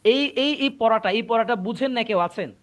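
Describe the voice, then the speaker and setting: A man with a very high voice and a brisk delivery explains tajweed in an online Quran recitation class. He patiently repeats points and checks that his students understand.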